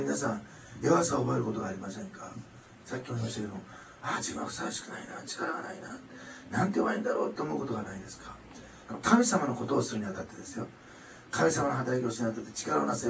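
A man preaching a sermon, animated and emphatic, swinging between loud declarations and soft asides. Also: mid-range voice, racing, vocal fry, recorded from a distance, a little hiss or hum. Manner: animated, rising to loud emphatic passages then dropping soft. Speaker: pastor. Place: church hall. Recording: echoey hall, mic some way off.

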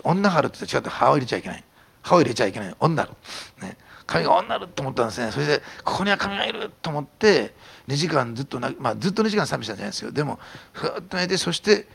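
A man preaching a sermon as a pastor, telling stories in an animated way and sometimes dropping to a whisper. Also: mid-range voice, gravelly, husky. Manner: animated storytelling, drops to a whisper at times.

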